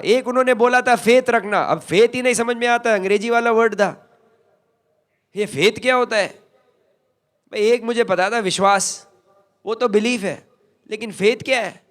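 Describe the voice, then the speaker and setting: A man's voice: very high-pitched, moderate pace, long pauses, fairly bright tone. An older man giving a motivational stage talk in a folksy, emphatic way, addressing the crowd directly. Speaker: motivational speaker.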